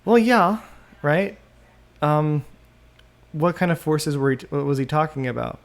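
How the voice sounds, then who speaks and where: A man hosting a solo podcast, thinking out loud and often trailing off and restarting mid-sentence, into a desktop microphone. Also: a little high, animated, unhurried. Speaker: podcast host. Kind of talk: rambling solo podcast monologue. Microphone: USB desktop microphone.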